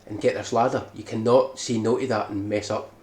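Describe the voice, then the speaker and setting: A man who makes speedrun guides walks through a strategy in an explanatory tutorial, often checking in with "right?". He speaks fairly quickly in a fairly low, steady voice with a darkish tone. Echo and background noise fill the room.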